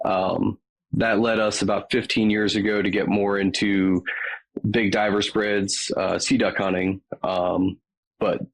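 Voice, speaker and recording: Deep gravelly Southern man. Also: measured pace, low-quality recording. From Virginia. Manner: relaxed, rambling with many ums. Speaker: podcast guest. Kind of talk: casual chat.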